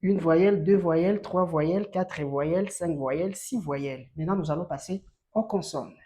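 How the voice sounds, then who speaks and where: Teaching French in a bilingual lesson, this woman from Rwanda has a low, dark voice. She goes slowly and with emphasis, leaning on each letter as she spells it out.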